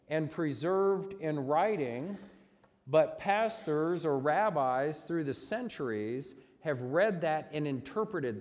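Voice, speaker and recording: A pastor delivers a sermon, walking his congregation through scripture in an earnest, explaining way. His voice sits a little high for a man. Long reverb from a church hall trails behind each phrase. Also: darkish tone.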